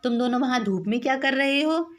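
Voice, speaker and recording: A woman's voice: sits high, fairly quick, voice pushed up, close to an everyday voice. A woman teacher voicing a mother who scolds her two children. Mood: scolding.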